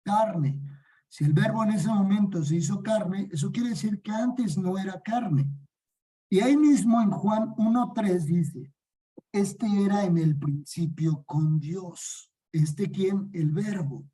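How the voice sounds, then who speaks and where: A man with a Mexican accent teaches a Bible study class, putting questions to his listeners and answering them himself. His voice is very dark and mellow, with a slightly husky edge. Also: high-pitched, slow, poor audio. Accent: Mexican Spanish. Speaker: discipleship teacher.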